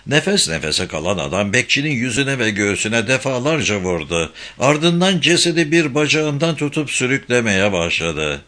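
Bright-voiced male audiobook narrator. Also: mid-range voice, very animated, normal speed, hardly any pauses. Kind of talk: scripted narration.

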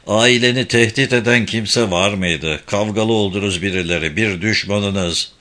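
A stern policewoman in an audiobook, played by a man in a slightly lowered, bright voice. She questions a witness with steady seriousness. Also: measured pace. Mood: serious. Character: serious female police officer, an interrogator.

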